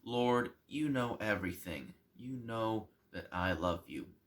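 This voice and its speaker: A man's voice: animated, slow pace. A man voicing an earnest, humbled fisherman disciple. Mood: subdued. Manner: subdued, low and quiet when answering.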